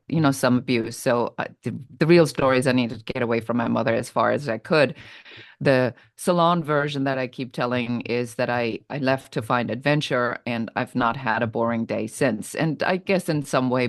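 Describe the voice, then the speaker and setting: Middle-aged woman guest; candid, energetic storyteller, dry close mic. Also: a bass voice, dry recording. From Germany. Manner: candid, energetic, quick bursts with frequent fillers. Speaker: podcast guest, business coach. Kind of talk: conversational storytelling interview.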